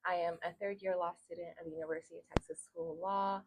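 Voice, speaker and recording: A woman's voice: lowish voice, fairly even intonation, quick pace, noisy background. A young woman from Hungary, a law student hosting a casual interview, chatty with frequent laughs and fillers.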